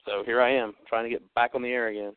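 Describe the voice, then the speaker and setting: Heard over a dry, narrow phone line, a man hosts a casual podcast chat, talking quickly with little pitch movement in a medium, clean voice. He's chatty and upbeat, rambling along with fillers.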